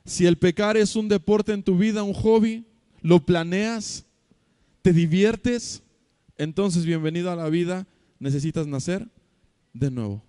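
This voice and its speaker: A young adult man with a Mexican accent, a pastor preaching a sermon and telling stories with acted quotes, dropping between loud and soft. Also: high-pitched, measured pace, clear, resonant tone, no room sound, studio quality. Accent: Mexican Spanish. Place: church hall.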